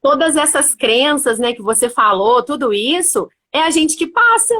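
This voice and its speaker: High-voiced woman explaining parenting. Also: expressive, normal speed, sharp tone. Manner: thoughtful, explaining with frequent "né?". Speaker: host. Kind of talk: casual parenting chat.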